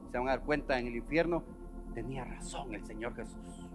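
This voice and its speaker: A man preaching a sermon at a church service, acting out the voices he quotes and swinging between loud and soft. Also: mid-range voice, a little fast, soft background music.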